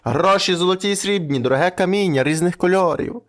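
A man with a Ukrainian accent, narrating a folk tale and acting out its characters with shifting pitch. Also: fast.

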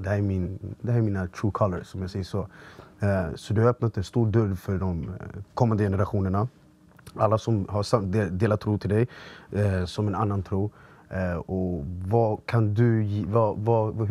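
A man's voice: fairly low pitch, mellow, slightly rough. A man hosting a podcast, asking long, winding questions in a casual interview. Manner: rambling, searching phrasing with fillers. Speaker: podcast host.

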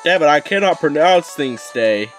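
A man's voice: fairly high pitch, expressive, normal speed, a bit bright. Young man rambling over game music. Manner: rambling, swears a lot, restarts often. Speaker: gaming YouTuber. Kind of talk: casual let's play commentary.

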